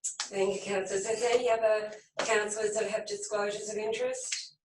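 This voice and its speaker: A woman with a croaky voice chairing a council meeting as mayor, reading through the agenda items briskly. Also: medium pitch, level tone, background noise. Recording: echoey room from a distance.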